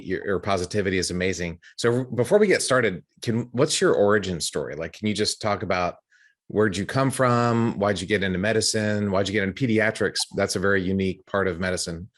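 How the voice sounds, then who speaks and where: A man with a fairly low voice hosts a conversational podcast. He sounds enthusiastic and friendly as he introduces his guest and asks about the guest's background. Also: fairly quick, fairly bright tone. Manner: enthusiastic, friendly, with some restarts. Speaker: podcast host.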